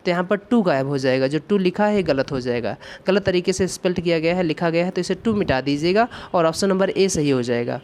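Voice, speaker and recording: A man with an Indian accent teaching an exam-prep English grammar lesson, explaining step by step and reading key sentences slowly. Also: a little high, expressive, a little mellow.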